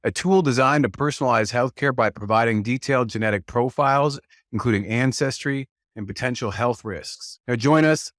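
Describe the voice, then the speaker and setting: A man's voice: mid-range voice, fairly bright tone, no room sound, clean studio sound. A man hosting a podcast, reading an earnest scripted welcome and then chatting casually with his guest. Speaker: podcast host.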